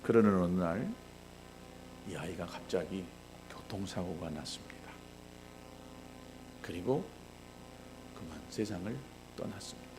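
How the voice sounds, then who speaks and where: A male pastor preaching a sermon, telling a story with animated delivery and acting out the voices of the people in it. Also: sits low, unhurried, pauses often, background noise.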